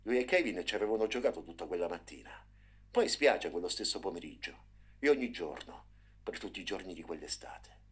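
A deep, very husky and breathy male voice narrating a story. He reads with lively swings of pitch, rising for the tense moments and dropping to near whispers in the quiet ones. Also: a little fast. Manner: expressive, dramatic reading with hushed passages.

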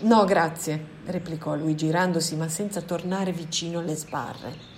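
A woman narrating a novel aloud as an audiobook reading, in a calm, measured way. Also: sits low, slight background noise. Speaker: reader.

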